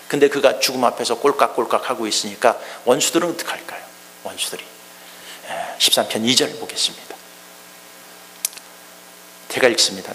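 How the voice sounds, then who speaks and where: A man's voice: mid-range voice, a little hiss or hum. Male pastor, Sunday sermon, plays the mockers in quotes; long hall reverb. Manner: acts out mocking enemies in quoted speech; repeats key phrases, swings between loud and hushed. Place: church sanctuary.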